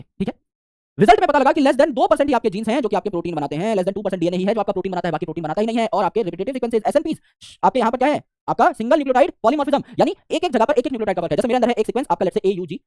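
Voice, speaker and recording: Fast-talking lively male teacher. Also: high-pitched, no echo, clean studio sound. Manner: fast, animated explaining with rhetorical questions. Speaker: biology teacher. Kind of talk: revision lecture.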